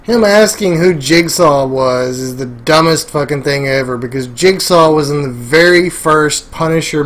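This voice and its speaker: A man's voice: a little high, fairly bright tone. A young man giving casual, sweary gameplay commentary, muttering offhandedly to himself. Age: young adult. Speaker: video game streamer. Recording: game music behind the voice.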